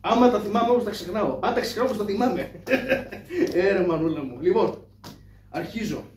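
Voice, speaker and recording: Man doing a shadow-puppet trickster, cheeky, high voice, echoey stage, distant mic. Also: expressive, a little mellow, a little hiss or hum. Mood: chatty. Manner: joking, mock town-crier hollering. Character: cheeky poor trickster man, boastful joker. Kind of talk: live shadow puppet theatre. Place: live stage.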